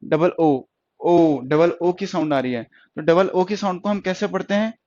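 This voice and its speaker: In a stenography lecture, a man with a high, animated, darkish-toned voice speaks at a moderate pace, drawing out long vowels and regularly making sure his students keep up. The recording is dull, lo-fi and dry, with no echo.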